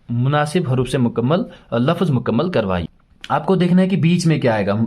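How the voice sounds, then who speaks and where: A man's voice: medium pitch, a little mellow. A man teaching a first-grade lesson, spelling words letter by letter and patiently encouraging young pupils. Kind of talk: children's alphabet lesson.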